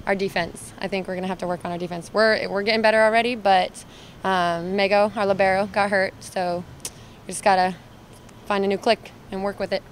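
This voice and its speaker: A woman's voice: medium pitch, little pitch movement, brisk, a little hiss or hum. A young woman from Utah, a college volleyball player, answering interview questions casually and hesitantly with many fillers. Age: young adult.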